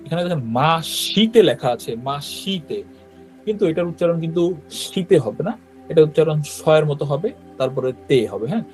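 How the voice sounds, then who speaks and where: Guy teaching a beginner class, keeps asking "right?", kinda high voice, soft music behind. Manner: explains patiently, keeps checking with "right?". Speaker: Japanese language teacher. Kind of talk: online language class.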